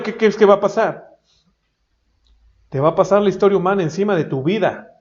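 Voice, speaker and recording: A man preaching a sermon, emphatic and rising into loud exhortation. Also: sits high. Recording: dull lo-fi recording.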